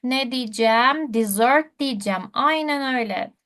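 A woman's voice: fairly high pitch, unhurried, fairly bright tone. A woman teaching a live online English lesson, patiently checking answers with her students.

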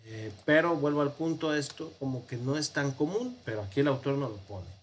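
A man's voice: medium pitch, animated, brisk, slight background noise. A man with a Mexican Spanish accent teaching a Hebrew grammar lesson, explaining patiently with fillers and frequent check-ins with his class.

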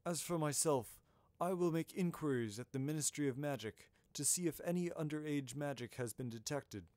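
A man voicing a wise elderly male headmaster who speaks gently, formally and firmly. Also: fairly high pitch, normal speed, no room sound, natural voice.

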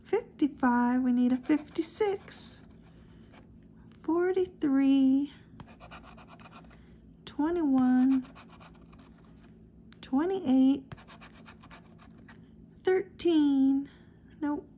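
A woman hosting a scratch-off ticket channel, reading numbers one by one in a slow, steady casual narration, recorded close indoors. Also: high-pitched, slight background noise. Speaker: lottery scratch-off channel host.

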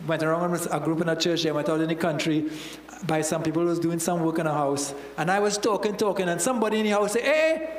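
A fast-talking man with a fairly high voice preaches a sermon as a church elder, holding a handheld mic on the stage of a church hall. In his fifties and Trinidadian-accented, he acts out Bible figures with local slang. The recording carries roomy reverb and slight background noise.

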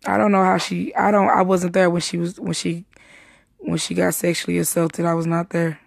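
Her voice is on the low side and creaky, with a level tone and normal speed, recorded cleanly in a studio without echo. As a young witness, she gives a casual, rambling and profane account of a night out, emphatic, full of restarts and repetition.

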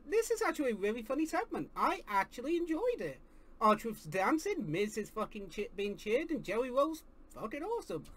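Guy yelling and swearing through a wrestling watch-along, pitch leaping all over. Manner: excitable, heavy swearing, bursts into shouts. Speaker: wrestling show reviewer. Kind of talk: live watch-along commentary.

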